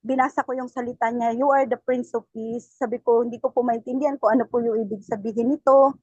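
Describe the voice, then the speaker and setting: A woman gives a personal testimony at church in a high voice, talking to the pastor with halting phrasing and frequent restarts. Her tone stays respectful throughout. The sound is dull and lo-fi, with no room echo. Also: warm tone. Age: adult parent. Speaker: church member giving testimony.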